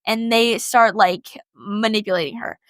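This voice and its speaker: Speaking a little slowly in a mid-range voice with fairly even intonation, a young woman co-hosts a podcast and casually recounts a myth. Her delivery is chatty and slangy, packed with "like," and there's no room sound.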